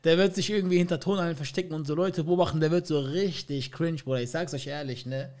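A man's voice: fairly high pitch, fast talker, darkish tone. A young man streaming a reaction video, making slangy, teasing remarks and laughing at what he watches. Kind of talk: mocking reaction commentary. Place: indoor streaming room. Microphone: headset with boom mic.

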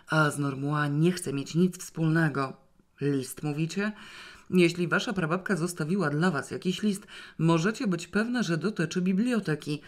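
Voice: mid-range voice, lightly acted. A reader voicing a stern, sarcastic elderly grandmother who talks in a curt, scornful, commanding way.

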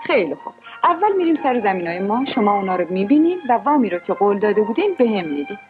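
A woman's voice: medium pitch, natural voice. An actress playing a polite young woman who asks a bank manager for a loan. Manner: lively, polite, surprised. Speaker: landowner asking for a loan. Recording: tinny old film soundtrack with music.

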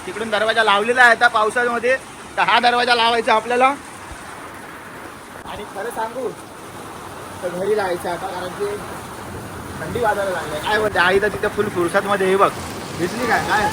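A man vlogging outdoors in a village in the rain, talking chattily and excitedly to his viewers and calling out to family members. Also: high voice, moderate pace, pauses often. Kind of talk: casual vlog narration to viewers. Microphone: handheld phone. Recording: loud rain noise outdoors.

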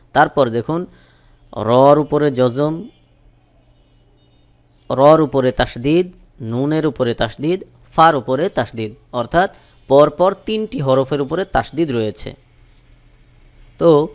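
A man teaching Quran recitation, spelling out each letter slowly and then chanting the verses in long drawn-out tones. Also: medium pitch.

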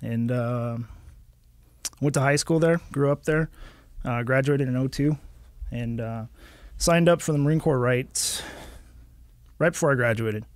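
A man's voice: medium pitch, unhurried, long pauses, no echo, studio quality. A man in his thirties, a police officer from Southern California, talking easily as a podcast guest. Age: 30s. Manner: relaxed, laughs easily, plain-spoken. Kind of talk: casual interview chat. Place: small studio with curtained walls. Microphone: studio mic on boom arm, headphones.

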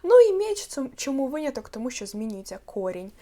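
Female language teacher, slightly high voice, patient step-by-step explainer. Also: sing-song, warm tone. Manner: explains patiently, sounds out words slowly with stress. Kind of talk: online language lesson.

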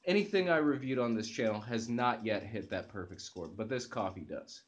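A young man with a lowish, expressive voice reviews coffee casually for his channel from the living room sofa, speaking at normal speed. His enthusiastic talk to camera includes fillers and hesitant restarts. A close webcam records him.

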